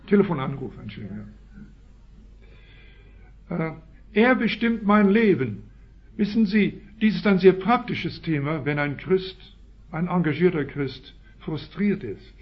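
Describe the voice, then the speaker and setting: A man with a Swiss German accent delivers a sermon in a slightly high voice. He punches out key phrases with sudden loud rises, then sinks into quiet asides, captured on a dull, lo-fi recording. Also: expressive, unhurried, long pauses. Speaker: preacher.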